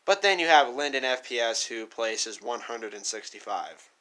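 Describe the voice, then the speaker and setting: A man hosting a reaction video with a very bright, sharp-edged voice. His commentary is casual and slangy, built on exasperated rhetorical questions. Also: medium pitch, animated, normal speed.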